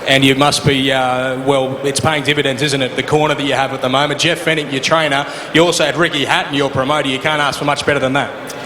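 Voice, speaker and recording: A man's voice: medium pitch, flat delivery, fast talker, sharp tone. A man conducting a live post-fight sports interview as a ringside interviewer. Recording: noisy, reverberant arena microphone.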